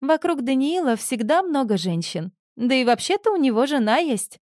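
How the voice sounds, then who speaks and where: A woman voicing a timid, resigned young woman who sighs softly. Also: high voice, big pitch swings, normal speed, no room sound, clean studio sound, voice pushed up.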